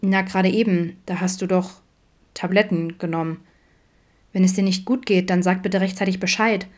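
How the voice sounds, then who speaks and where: A woman voicing a cheerful, caring young male camp counselor who speaks softly and hesitantly in a storybook reading. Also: on the low side, fairly even intonation, moderate pace, lightly acted. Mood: concerned. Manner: soft and hesitant, concerned.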